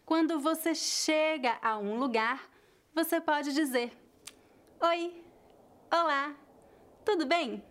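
A Brazilian woman teaching Portuguese phrases in a clear, deliberate way, with a Brazilian Portuguese accent. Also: sits high, a bit bright. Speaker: language teacher. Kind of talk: slow scripted lesson narration.

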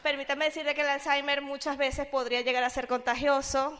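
A high-pitched woman with a Venezuelan accent tells a personal story in a casual, chatty way. She is animated and jumps in pitch when she acts out what other people said. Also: a little fast, a little hiss or hum. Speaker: speaker sharing a personal business testimony.

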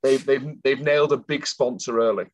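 A man's voice: mid-range voice, moderate pace. A man co-hosting a casual podcast, telling stories in a chatty way. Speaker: podcast co-host.

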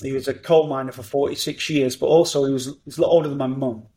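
A middle-aged man, talking as a podcast guest in an animated, upbeat way. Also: medium pitch, quick pace. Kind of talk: conversational interview.

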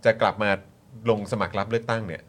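Brisk talk show host man. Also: on the low side, fairly even intonation. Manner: brisk, prompting, polite particles. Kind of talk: casual talk show chat.

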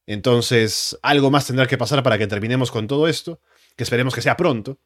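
A man recapping and reviewing wrestling as a show commentator, in a measured, matter-of-fact way. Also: mid-range voice, a bit bright, no room sound, studio quality.

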